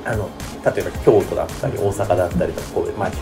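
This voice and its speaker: A man hosting a radio show, chatting casually and joking, with many fillers and fast talk. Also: low voice, fairly even intonation, creaky, over music. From not from the Kansai region.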